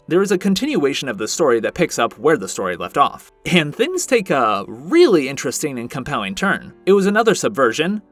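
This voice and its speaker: This man's voice is a little high and fairly bright as he narrates a scripted video review with music playing behind him. His delivery is conversational, emphatic, and full of opinion, with casual asides mixed in.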